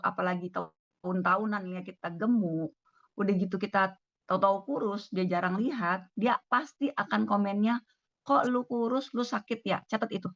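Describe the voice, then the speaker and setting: Speaking with an Indonesian accent, a woman doctor tells a story during a talk on a video call, acting out the dialogue as she goes. Her medium-pitched voice has vocal fry, and the audio is dull and lo-fi with no room sound.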